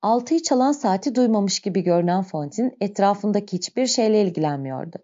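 A woman reads a novel aloud in slow, measured storytelling. Her voice is warm and mellow, with a middle pitch. The recording sounds dull and lo-fi. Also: lively intonation. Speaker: narrator. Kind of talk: audiobook reading of a novel.

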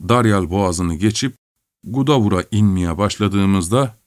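A man reading a novel aloud as an audiobook narrator, in a measured, even storytelling manner on a close studio mic. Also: on the low side, dry recording. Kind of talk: scripted narration.

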